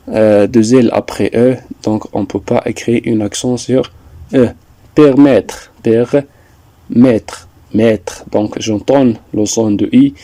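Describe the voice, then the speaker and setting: A man teaching a French lesson, explaining slowly and deliberately, repeating points with some hesitations. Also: lowish voice, warm tone, dry recording. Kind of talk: slow classroom explanation.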